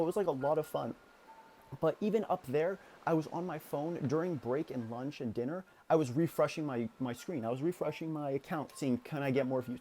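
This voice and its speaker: Candid teenage guy, slightly high voice. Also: warm tone, slight background noise. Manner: candid, confessional, rambling with restarts. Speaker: YouTuber. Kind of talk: reflective personal vlog.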